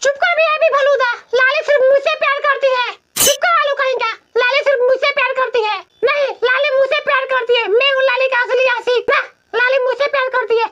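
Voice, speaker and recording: Bickering cartoon vegetable, very high squeaky voice, boastful, muffled lo-fi sound. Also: level tone, quick pace. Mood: quarrelsome. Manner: boastful, insulting rivals. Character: squeaky jealous male vegetable lovers, bickering. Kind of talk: cartoon comedy dub.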